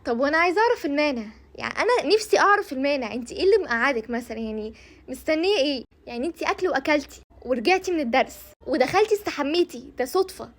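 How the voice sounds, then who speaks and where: A woman's voice: high voice, expressive. A woman playing a nagging study conscience. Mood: scolding. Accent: Egyptian. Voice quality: quick, teasing, lecturing delivery. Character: nagging female study conscience, scolding and sarcastic. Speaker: comedy sketch creator. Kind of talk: comedy sketch.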